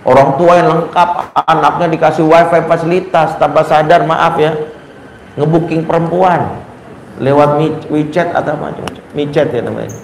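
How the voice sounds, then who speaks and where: In an echoey room with faint background noise, a male Islamic preacher delivers a parenting talk at a moderate pace. His voice is on the high side with some vocal fry, and he tells lively stories, acting out the dialogue in quoted voices.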